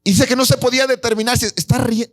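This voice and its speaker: Man, pastor, sermon, high voice, animated storytelling, questions to the congregation. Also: fast talker.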